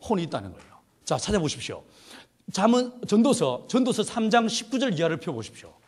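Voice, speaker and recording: A man's voice: high voice, sing-song, fast talker, darkish tone, slightly rough. A middle-aged man preaching a humorous sermon at a youth retreat, telling stories with playful laughter. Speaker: pastor.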